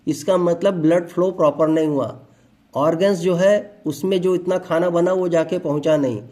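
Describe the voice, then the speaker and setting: A man's voice: on the high side, fairly even intonation, moderate pace, dark tone. A man giving a motivational health talk, explaining with everyday examples and asides.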